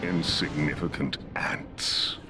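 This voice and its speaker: Kang, a deep pompous conqueror. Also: male voice, fairly even intonation, takes it slowly. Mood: gloating. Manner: pompous, theatrical, savoring. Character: gloating, grandiose male conquering tyrant, theatrical and smug. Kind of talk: video game villain acting. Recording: loud music behind the voice.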